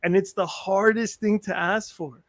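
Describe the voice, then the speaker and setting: Podcast guest, man in his 40s, high voice, dry close sound, animated self-mocking storyteller. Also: normal speed, dry recording. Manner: animated, self-mocking humor, acts out quotes. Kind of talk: casual storytelling chat.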